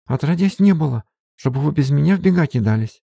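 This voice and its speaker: A tearful peasant maid in her middle years, wailing in folksy, rustic speech with a high-pitched voice put on by a man with a husky, gravelly voice. Her lines come out loud and close in a dry storybook reading. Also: lively intonation, quick pace, dry recording, full character voice.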